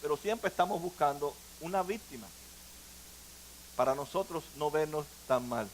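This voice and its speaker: An older man, a pastor, preaching a sermon in a church, moving between quiet asides and sudden emphatic rises. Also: on the high side, normal speed, slight background noise.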